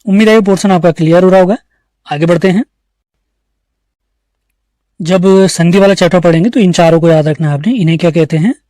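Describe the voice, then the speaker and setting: A man's voice: high-pitched, brisk, pauses often, dark tone, no room sound, studio quality. A male teacher giving an online exam-prep grammar lesson, explaining step by step and asking the class questions that he answers himself. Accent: Uttarakhand Hindi.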